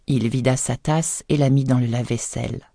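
A woman narrating an audiobook in a measured, even storytelling manner, recorded close on a studio microphone. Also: extremely low pitch, gravelly, no echo.

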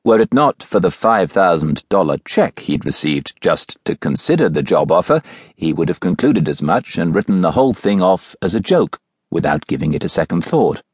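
A man narrating a mystery novel as an audiobook in a measured, even storytelling manner, recorded in a studio. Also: deep voice, slightly rough, dry recording. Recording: dry, close studio recording.

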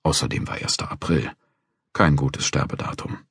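Deep, husky male audiobook narrator. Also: fairly bright tone, dry recording, studio quality. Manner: measured, first-person storytelling. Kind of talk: scripted narration.

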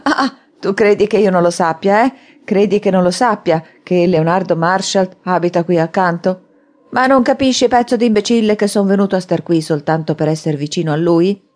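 A woman's voice: low voice, fairly even intonation, brisk, few pauses, dark tone, lightly acted. Woman voicing a menacing, sinister old man. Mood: taunting. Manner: cold, curt and menacing.

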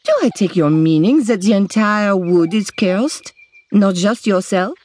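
A woman's voice: mid-range voice, sing-song, slightly rough, no room sound. A woman reading an audiobook, voicing a hot-tempered young woman who snaps and hisses her words. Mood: curious. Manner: sharp, hissing, quick to snap. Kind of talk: audiobook character voice.

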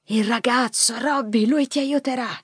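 A woman voicing a frail old grandfather weakened by a stroke, pleading urgently in a halting, breathy way for an audiobook. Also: fairly high pitch, dry recording, pitched above the performer's own voice. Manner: slow pleading warnings. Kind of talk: audiobook character voice. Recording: dry close studio mic.

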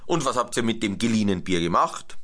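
A man's voice: lowish voice, animated, fast talker, fairly bright tone. A man voicing a stern male elephant in a storybook reading, firm and scolding. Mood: questioning.

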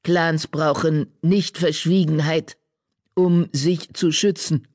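A man voicing a wise old female badger seer who speaks slowly in broken, oddly ordered sentences. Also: a little high, dry recording, clean studio sound. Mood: calm. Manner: slow, broken word order, calm.

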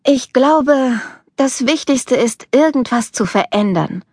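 Woman doing a sharp, teasing young student girl, pitched up a touch, dry close read. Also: lively intonation, slow pace, no room sound, heavily acted. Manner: wry, teasing.

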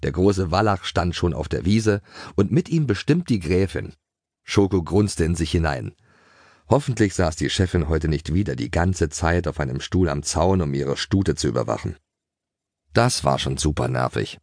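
A man narrating a children's audiobook in a playful, expressive way. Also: a bass voice, moderate pace, no echo, studio quality.

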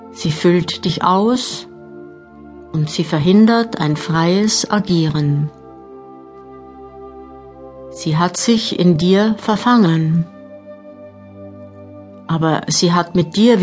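Female narrator for guided relaxation: slow, measured, slightly low voice, long pauses, new-age music underneath. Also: a little mellow. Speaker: mental training narrator. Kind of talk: guided meditation audiobook narration.

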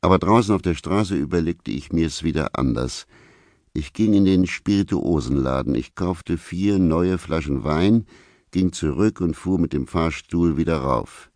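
Man, very deep voice, slow, gruff, laconic, first-person audiobook narration. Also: lively intonation, darkish tone, no echo, studio quality.

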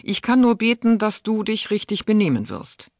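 A woman's voice: mid-range voice, very animated, moderate pace, darkish tone, no echo, studio quality, pitched above the performer's own voice. A woman voicing a stern, disdainful aristocratic aunt who speaks sharply and impatiently. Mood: cold, scornful.

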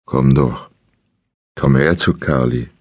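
A man voicing an unseen male captor who speaks deep and pressed, as if his chin were on his chest, in a slow coaxing singsong for an audiobook thriller. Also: steady tone, breathy edge, dry recording, highs cut off, heavily acted.

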